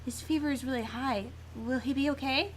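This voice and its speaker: A woman's voice: sits high, fairly quick, slight background noise, rough recording. A woman co-hosting a casual game playthrough, reacting bluntly and swearing now and then. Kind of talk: casual let's-play chat.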